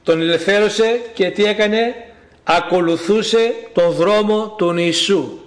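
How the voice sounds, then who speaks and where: A male preacher delivers a sermon in a high-pitched voice. He speaks with fervent conviction, pausing between phrases as he reads scripture aloud.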